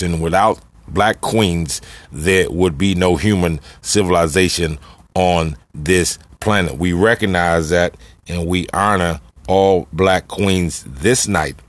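Man, American accent, bass-deep, very slow pace, solemn and emphatic, rally speech mixed with radio hosting. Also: no echo. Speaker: radio show host and community activist. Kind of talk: slow, deliberate address to listeners, part rally speech, part music-show hosting.

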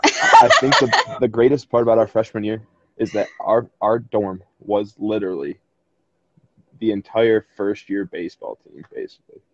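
A man's voice: fairly low pitch, sing-song, normal speed, background noise. A young man in his twenties, co-hosting a podcast, reminiscing in a laid-back way in casual chat, recorded with muffled sound. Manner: nostalgic, laid-back storytelling. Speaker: podcast co-host.

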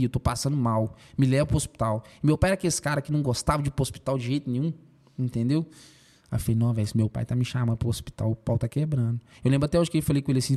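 Fast-talking young man. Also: mid-range voice. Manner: emotional, animated retelling, peppered with slang fillers. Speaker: podcast guest. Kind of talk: casual podcast storytelling.

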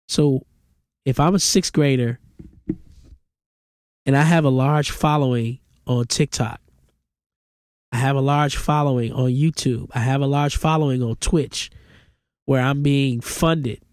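Hosting his own podcast, a congested man in his forties delivers emphatic, opinionated commentary, building up to exclamations. He has a mid-range, slightly mellow voice, captured in a dry, clean studio recording.

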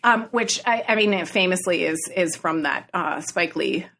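A woman co-hosting a podcast, telling a story in a casual, animated way and laughing often. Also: on the low side, moderate pace, slight background noise. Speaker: podcast co-host. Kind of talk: casual chat.

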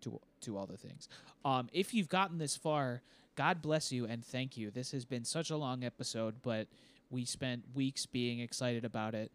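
A man's voice: mid-range voice, moderate pace, smooth. A young adult man co-hosting a casual gaming podcast, talking in a rambling, self-deprecating, jokey way. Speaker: podcast co-host.

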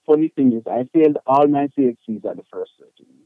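This interview guest, a man with a Jamaican accent, tells personal stories fast and expressively in a medium-pitched voice. His colloquial speech is candid and emphatic, and the phone-quality recording has no room sound.

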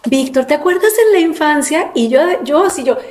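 A woman hosting a casual group chat, telling stories in an animated way and acting out what people said. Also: high-pitched, brisk. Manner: animated storyteller, acts out quoted lines. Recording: echoey room with crowd noise.

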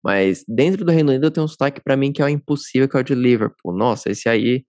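A man hosts a podcast, talking fast and friendly in a steady mid-range voice. The sound is dry and close, with no room around it. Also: medium pitch, dry recording. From Brazil. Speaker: podcast host. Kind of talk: casual interview chat.

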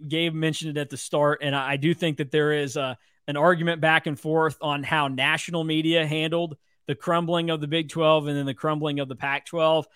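A man's voice: on the high side, level tone, normal speed, fairly bright tone, smooth, no room sound, clean studio sound. A man co-hosting a sports talk podcast, making an impassioned, argumentative case and mimicking others' reactions.

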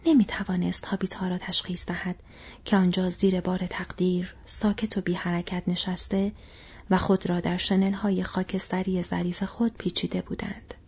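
A woman narrating an audiobook in a soft, hushed, near-whispered storytelling voice. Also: on the low side, level tone, husky. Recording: dull lo-fi recording.

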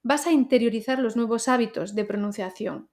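A woman hosts a pronunciation lesson podcast, her voice sitting a little high. She teaches in a clear, deliberate way, addressing the listener directly. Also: darkish tone.

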